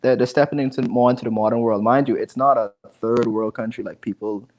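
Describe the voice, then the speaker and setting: Poor audio carries this man's medium-pitched, darkish voice, which is steady and fairly quick. In his 20s and from the Bahamas, he's a digital marketing specialist chatting casually as an interview guest over a home video call on an earphone headset, often repeating words.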